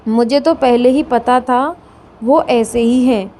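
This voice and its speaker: A woman voicing a sharp-tongued, taunting older mother-in-law in a storybook reading. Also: fairly high pitch, takes it slowly. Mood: scolding. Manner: scolding, taunting.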